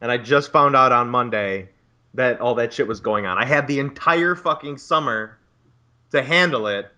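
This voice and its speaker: A man's voice: mid-range voice, normal speed, bright, forceful tone. A man in his twenties, a graduate student, on a casual podcast, ranting profanely and with exasperation about bureaucracy. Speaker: podcast co-host.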